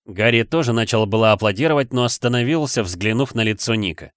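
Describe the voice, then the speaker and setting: A man narrating an audiobook in an even storytelling manner on a close microphone. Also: fairly low pitch, fast talker, dry recording. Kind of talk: scripted narration.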